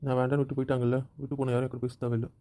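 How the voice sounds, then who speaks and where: A man's voice: medium pitch, monotone, very fast, mellow, lightly acted. A man playing a hurt, sulking husband who stubbornly refuses to talk in a family skit. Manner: sulky, repetitive, stubborn.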